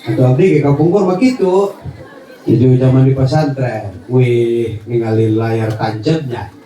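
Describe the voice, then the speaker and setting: A man with a Sundanese accent preaching a lively, joking sermon to a large gathering, often laughing and raising his voice. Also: medium pitch. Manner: animated, joking, swings between Sundanese and Indonesian, shouts and laughs. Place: outdoor religious gathering before a crowd. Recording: very echoey, far-off, crowd and noise behind.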